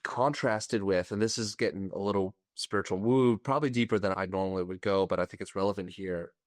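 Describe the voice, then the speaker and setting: Podcast guest, man, low voice, dry close sound, candid and searching. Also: brisk, no echo. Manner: candid, searching, a little emotional. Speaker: podcast guest, party coach.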